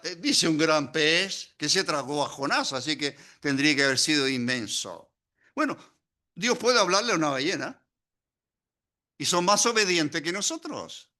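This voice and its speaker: An older man with a Chilean Spanish accent preaching a sermon, lively and full of questions to the audience. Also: sits high.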